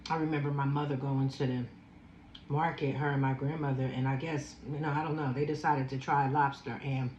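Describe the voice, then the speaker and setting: A woman's voice: a bass voice, little pitch movement, a little mellow, roomy sound, dull audio, slight background noise. A woman in her fifties with a Philadelphia accent, chatting casually while eating a seafood boil and savoring each bite. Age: 50s. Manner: slow, savoring, chatty with food sounds. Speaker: food vlogger.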